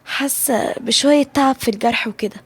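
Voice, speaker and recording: A woman with an Egyptian Arabic accent voicing a strong-willed young wife and new mother, higher and more heated than her narration. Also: fairly quick, husky. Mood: grateful.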